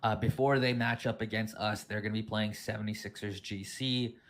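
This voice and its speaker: A man's voice: fairly low pitch, fairly even intonation, fairly quick, fairly bright tone. A man hosting a live esports show, upbeat and asking his guest questions. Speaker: host.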